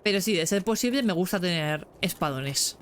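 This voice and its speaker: Give me a young woman, chattering through a game stream and breaking into excited squeals. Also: fairly low pitch, normal speed. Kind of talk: casual gameplay commentary.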